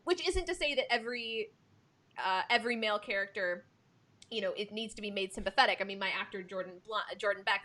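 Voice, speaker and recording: During a casual discussion, this female theatre director speaks with emphasis and expression, repeating words to drive her points home. Behind her is clear background noise with a low rumble.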